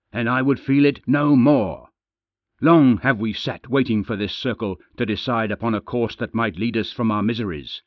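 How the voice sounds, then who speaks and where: A man's voice: dry recording, muffled recording. A man doing a snarling, furious warrior. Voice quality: deep, snarling. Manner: loud, impassioned, rising to shouts.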